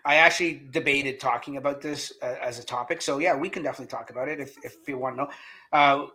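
Bright-voiced joking podcast host, a man. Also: medium pitch, steady tone, fast. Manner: joking, laughs often. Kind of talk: casual group chat.

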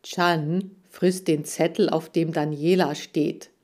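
A wary, bossy male hamster who gives orders instead of helping, as a woman puts him on. He speaks in a low, calm, measured voice. The reader plays him slightly lower than her own voice. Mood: dry and bossy. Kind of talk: audiobook character voice.

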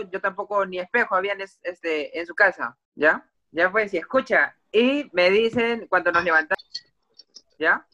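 A man's voice: sits high, sharp tone, dull audio. A man rambling through an embarrassing story in casual chat, restarting his sentences. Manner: rambling, full of fillers and restarts.

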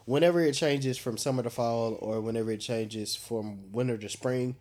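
A man co-hosting a casual podcast chat. He is congested, and he tells stories in an animated, profane way. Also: mid-range voice, normal speed. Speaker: podcast co-host.

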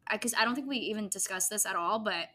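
Bright playful woman sports co-host. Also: medium pitch, fast talker. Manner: playful, joking, animated. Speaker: podcast co-host. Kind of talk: casual sports chat.

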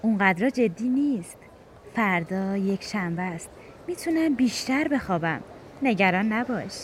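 A woman voicing a timid young bride who speaks softly and gently. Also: medium pitch, expressive, a little hiss or hum, lightly acted. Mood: tired.

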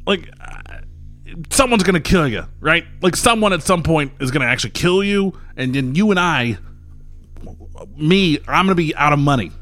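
A man's voice: fairly high pitch, animated, normal speed, pauses often, fairly bright tone. Laid-back male game master, loose and profane, light music bed. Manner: loose, laughing, swears freely. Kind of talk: narrating a tabletop game.

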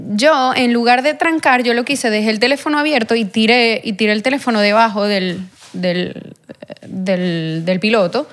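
A young adult woman with a Venezuelan accent, telling a personal story in an interview. She rambles, uses many fillers and acts out what people said. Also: a little high. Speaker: guest.

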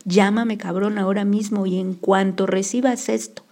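A woman reading an audiobook, voicing a loud, excitable, foul-mouthed young man who teases and shouts at his best friend. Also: mid-range voice, moderate pace, close to an everyday voice. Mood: excited. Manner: shouting, teasing, exclamatory.

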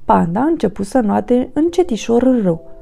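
A woman reading a children's story aloud with a lively, expressive delivery. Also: a little high, creaky. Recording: faint background music.

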